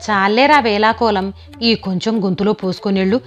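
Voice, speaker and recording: A woman puts on a bossy old grandmother who scolds and teases in a raised voice. She stays stubborn and sharp-tongued, and quiet music plays under her. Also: mid-range voice, normal speed, natural voice. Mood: scolding. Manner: scolding, teasing.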